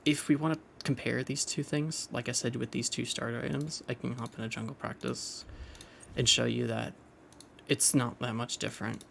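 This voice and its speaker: A man's voice: mid-range voice, level tone, moderate pace, creaky, a bit bright, a little hiss or hum. A young man casually thinking aloud as he explains a game build over gameplay, loose and rambling with restarts. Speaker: game commentator.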